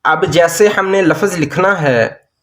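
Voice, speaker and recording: A man, teaching a lesson and drawing out each sound as he spells words out slowly. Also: sits high, fairly bright tone. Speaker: language teacher. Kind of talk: slow explanatory lesson.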